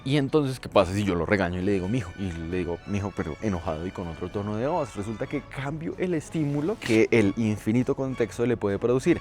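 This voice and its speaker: A man's voice: medium pitch, a little mellow. A man explains behavioral psychology in a casual monologue. He stacks up repeated rhetorical questions and breaks off to give commands to his dogs. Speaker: psychology educator.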